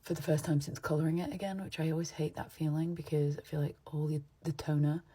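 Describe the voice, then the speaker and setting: A woman from England with a partly Americanized English accent, chatting and rambling into her phone at home while doing her makeup, sometimes dropping into soft asides. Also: sits low, flat delivery, quick pace, breathy edge. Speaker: makeup vlogger. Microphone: phone camera.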